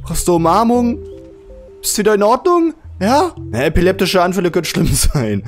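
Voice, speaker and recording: A man hosting a let's play with casual, jokey commentary, often yelling and laughing at the game. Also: sits high, sing-song, moderate pace, faint music behind.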